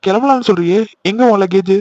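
A man voicing a caring older brother in an animated cartoon, teasing and then soothing his sister. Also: high voice, quick pace, a little hiss or hum, lightly acted. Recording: slightly dull lo-fi audio.

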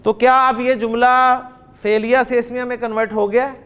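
A man's voice: extremely high pitch, little pitch movement, a little fast, fairly bright tone, clean tone. A man with a Pakistani accent teaching Arabic grammar in a classroom lecture, quizzing his students and dictating phrase by phrase.

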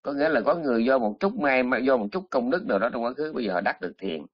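A male monk gives a colloquial dharma talk, chatty and teasing, breaking into exclamations. His voice sits at an ordinary middle pitch. The close, dry recording sounds a little muffled and lo-fi. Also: animated, quick pace, slightly rough, no room sound. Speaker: Buddhist monk teacher.

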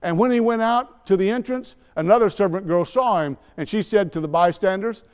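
A man's voice: high voice, fairly quick, a little mellow, smooth. A man preaching a sermon in a church, talking conversationally with asides and light teasing. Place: church sanctuary. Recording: long church hall reverb.

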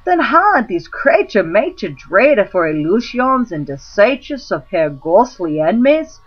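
A woman recites old devotional prose in Middle English pronunciation, with archaic vowels throughout. Her pitch sits in the middle of the female range and her pace is on the slow side. The recording is a little dull and lo-fi. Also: big pitch swings, breathy edge. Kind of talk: recitation of a medieval religious prose text.

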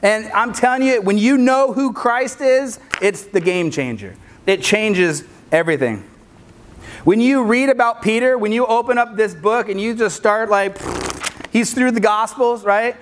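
Youth pastor, man, high-pitched voice, lively conversational sermon style. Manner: energetic, conversational preaching with asides to the crowd.

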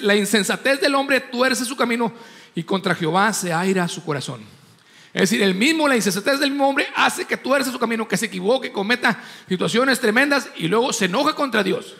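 A man's voice: extremely high pitch, gravelly, bright, forceful tone. A man preaching a sermon as pastor, speaking emphatically and acting out the people in his stories. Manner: emphatic preaching, acts out voices in anecdotes. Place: church hall. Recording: long church hall reverb.

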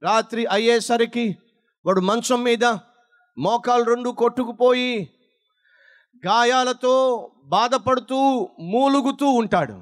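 Male pastor, high voice, dramatic sermon delivery with big pitch drops. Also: steady tone, takes it slowly, long pauses. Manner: dramatic, acts out dialogue, big swings between high and low.

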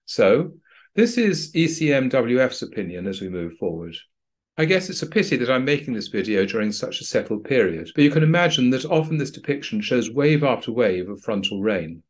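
A man narrating a screen-recorded software tutorial for pilots in a plain, practical, dryly understated way. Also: mid-range voice, big pitch swings, brisk. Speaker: flight training instructor.

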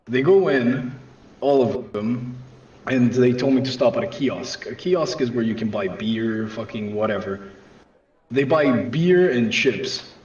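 A man casually telling a profane comedic story in a deadpan way, with constant swearing. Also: mid-range voice, a little slow. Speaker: storyteller on a comedy game night. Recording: distant echoey room, dull lo-fi mic, faint noise.

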